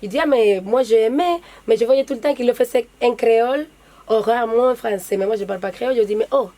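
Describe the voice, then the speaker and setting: A woman's voice: fairly high pitch, fast, mellow. A young woman from the Dominican Republic with a Dominican Spanish accent, a guest singer chatting casually in simple French with slips, in a radio studio. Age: young adult. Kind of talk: casual interview.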